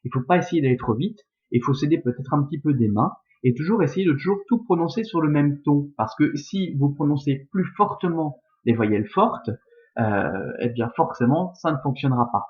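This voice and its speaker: A man's voice: a little high, lively intonation, normal speed, muffled recording. A man carefully explaining, step by step, how to read and scan Latin verse aloud.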